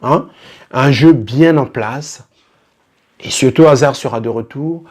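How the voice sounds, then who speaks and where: A man hosting a football betting show, talking straight to viewers with theatrical rhetorical questions and a mix of loud exclamations and low asides. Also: slow pace. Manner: drops into English greetings. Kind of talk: lively sports betting talk to camera.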